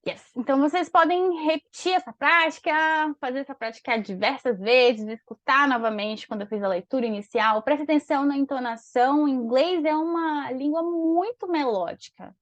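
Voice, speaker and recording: High-voiced Brazilian woman teaching English. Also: dry recording. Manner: explains in Portuguese, reads English lines slowly and clearly. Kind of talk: online English lesson with dialogue practice. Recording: dull, dry lo-fi sound.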